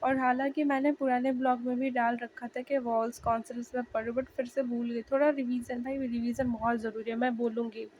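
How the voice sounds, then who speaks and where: A young woman with a slightly hoarse voice, chatting casually to viewers as she shares her language-learning notes and sounds out letters slowly. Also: a little high, flat delivery, a little mellow, a little hiss or hum, low-quality recording. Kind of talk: casual video lesson.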